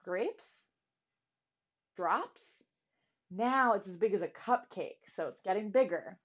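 A woman reading a picture book aloud to children from a home studio, expressive and stopping to explain. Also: medium pitch, highs cut off. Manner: expressive, pausing to explain to kids. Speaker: children's storyteller.

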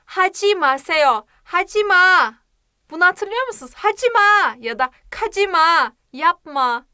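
A woman teaching a language lesson in a playful manner, repeating words slowly for learners. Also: sits high, bright, forceful tone, no room sound, studio quality.

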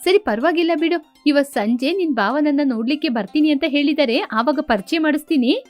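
A woman voicing a gentle young bride who lovingly scolds her younger sister, in a storybook tale. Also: sits high, normal speed, soft background music, close to an everyday voice. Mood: chiding.

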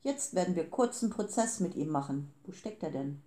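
A woman's voice: fairly low pitch, lively intonation, normal speed, warm tone, lightly acted. A woman reading the lines of cold, businesslike grey men who steal time, in a clipped, formal manner. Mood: cool. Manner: clipped and formal, turning panicked.

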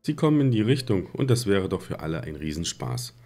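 A man's voice: low-pitched, very animated, brisk, mellow, exaggerated voice. A man voicing a sneering, arrogant teenage boy wizard in a storybook reading, with a taunting, smug delivery.

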